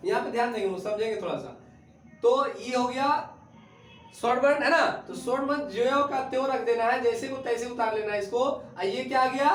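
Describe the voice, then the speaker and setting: A male teacher giving a classroom lesson, asking his students questions and repeating their answers. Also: very high-pitched. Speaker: Sanskrit teacher. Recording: echoey classroom recorded from a distance.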